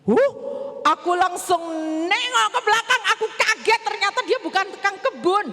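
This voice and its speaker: A woman's voice: very high voice, normal speed, bright, forceful tone, heavily acted. A woman playing Mary Magdalene as a grieving then joyful disciple in a chatty, emotional first-person church monologue, stammering now and then. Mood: excited. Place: church hall. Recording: echoey church hall.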